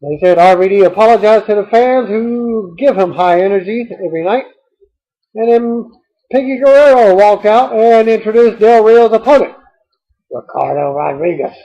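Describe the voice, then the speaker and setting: A man's voice: sits high, normal speed, dark tone, muffled recording. A man reading out a recap of a televised wrestling show, with dry asides. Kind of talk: read-aloud show recap.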